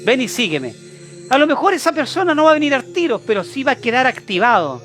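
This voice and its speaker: This Chilean-accented preacher has an extremely high, sing-song voice, a bit bright and quick, with soft music behind him. Speaking as an apostle, he repeats himself emphatically and keeps asking his listeners rhetorical questions.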